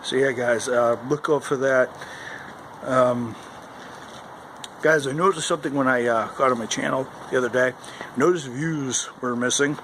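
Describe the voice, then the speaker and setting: Male vlogger, mid-pitched, rambling casual talk, recorded outside with clear wind noise over a handheld camera. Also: fairly even intonation, moderate pace, pauses often. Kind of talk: casual vlog chat to camera. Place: outdoors in the cold wind. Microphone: handheld camera at arm's length. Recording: windy outdoor recording, loud wind noise. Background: howling wind noise.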